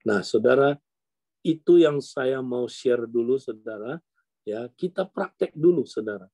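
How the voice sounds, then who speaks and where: A man preaching, telling a story in a lively way and calling on his listeners again and again. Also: mid-range voice, measured pace, no echo. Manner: animated, addresses listeners as "saudara" constantly. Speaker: pastor. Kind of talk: sermon storytelling.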